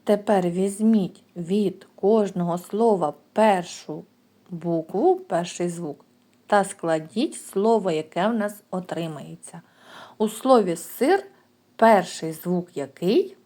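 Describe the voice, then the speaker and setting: In a recorded lesson for young children, a kindergarten teacher sounds out words slowly and clearly. Her voice sits on the low side and has a mellow quality.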